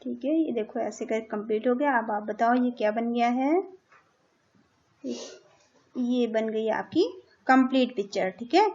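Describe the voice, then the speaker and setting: A woman's voice: on the high side, measured pace, pauses often, a little mellow, muffled recording. A woman teaching a young class online, who repeats each word, spells it letter by letter and keeps asking the class questions. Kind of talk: online class lesson in Hindi and English.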